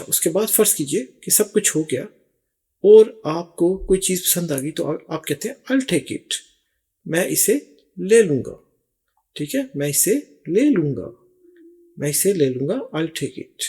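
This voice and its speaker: Husky-voiced man teaching phrases slowly. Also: high-pitched, darkish tone. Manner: slow, repeats each phrase and translates it word by word. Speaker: English teacher. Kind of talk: language lesson.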